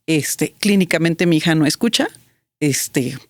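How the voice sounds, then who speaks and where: A woman's voice: sits low, lively intonation, measured pace, no room sound. A woman, a guest telling a personal story in an interview, reflective, with many fillers and restarts. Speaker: guest, business strategist.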